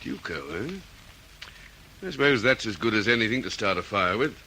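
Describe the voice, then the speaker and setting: A man voices a laconic, curious senior detective in an old 1940s radio drama, his tone low-leaning, pushed and bright. He speaks expressively at a normal speed, musing and pressing with searching questions, while faint noise marks the vintage recording.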